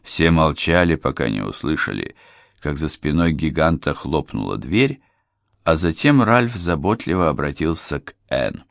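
A man narrating an audiobook with an even, measured reading. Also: a bass voice, vocal fry, dry recording, studio quality. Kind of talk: scripted narration.

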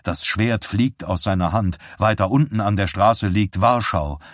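A man reading an audiobook aloud in a grave, measured manner, close to the mic. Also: fairly low pitch, no echo. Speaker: audiobook reader. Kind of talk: dramatic audiobook narration.

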